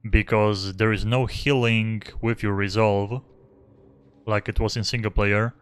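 A man's voice: fairly low pitch, steady tone, measured pace, clear, resonant tone. A young man giving casual, rambling live commentary as he streams a game, close to a desk microphone. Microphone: close desk microphone without pop filter. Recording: faint game music behind.

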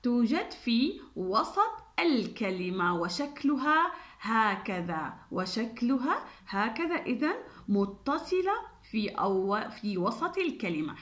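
A woman teaching young children in a distance-learning lesson, encouraging and sing-song. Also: a little high. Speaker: kindergarten Arabic teacher.

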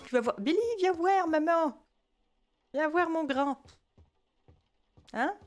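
This is an exasperated mother in a comic game role-play, voiced by a woman. She scolds and nags her unruly little son with a slightly high voice, punctuating orders with tag questions and mild curses. Faint music plays behind her. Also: lively intonation, brisk. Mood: exasperated, scolding. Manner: scolding, peppered with "hein" and mild swearing. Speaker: gaming video creator.

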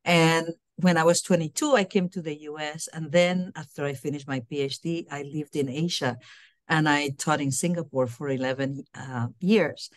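A middle-aged Puerto Rican woman, a university diversity director, answers interview questions as a guest over a laptop webcam from a small room at home. Her voice is low with fairly even intonation at a normal speed, with no room sound. She's earnest and often repeats words while searching for how to phrase things.

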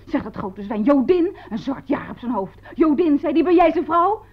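An actress playing a young orphaned servant girl in an old radio play, telling her story excitedly and stumbling over her words. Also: medium pitch, normal speed, creaky, husky. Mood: agitated. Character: young orphaned female servant, fiery and devoted. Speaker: household servant. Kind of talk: 1950s-style radio drama acting. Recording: dull old radio recording.

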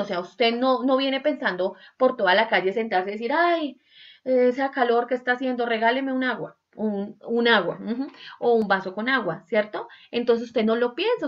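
A lively Spanish teacher with a slightly high voice gives an online class lecture, acting out examples and frequently asking "¿sí?" and "¿cierto?" The recording is dull and lo-fi.

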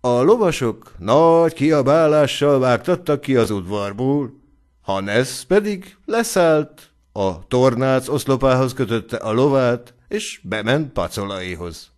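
A man's voice: mid-range voice, expressive. A man reading a story aloud as an audiobook narrator, in a scripted narration.

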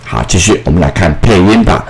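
A man teaching schoolchildren English phonics, repeating each word slowly and drilling the sounds. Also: deep voice, animated, background noise. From Taiwan.

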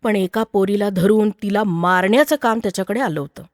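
A woman storyteller reading a written story aloud in a measured, expressive way. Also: medium pitch, no room sound, studio quality, in a large hall. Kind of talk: scripted story narration.

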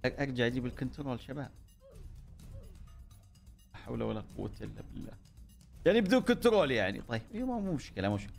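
A man giving excitable commentary over his own gameplay, cheering himself on and joking with his viewers. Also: mid-range voice, very fast, vocal fry, long pauses, faint music behind. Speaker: gaming YouTuber.

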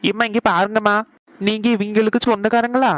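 A voice actor plays a stern cartoon moneylender man. He speaks at a middle pitch, blunt and threatening, and the recording is dry and close. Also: flat delivery, brisk, fairly bright tone, dry recording, close to an everyday voice. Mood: demanding. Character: stern male village moneylender. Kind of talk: cartoon voice acting.

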